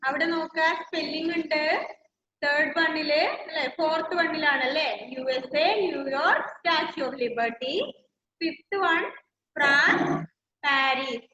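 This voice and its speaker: A woman's voice: high voice, noisy background. A woman with a Malayali English accent, teaching young children in an online class and coaxing them with repeated questions. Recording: echoey, slightly dull video-call audio.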